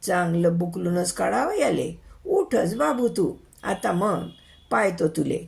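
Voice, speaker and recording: A woman's voice: fairly low pitch, sing-song, vocal fry, a little mellow, full character voice. A woman doing a Varhadi village wife, pleading. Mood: angry muttering. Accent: Varhadi Marathi. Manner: rustic dialect, drawn-out pleas. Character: rustic village wife, worried then wailing.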